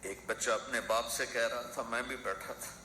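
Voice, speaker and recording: A man's voice: medium pitch, fairly even intonation, sharp tone, a little hiss or hum. A man preaching an emotional sermon in rhythmic, repeating phrases. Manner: impassioned, rhythmic repetition. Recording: echoey hall with faint ambience.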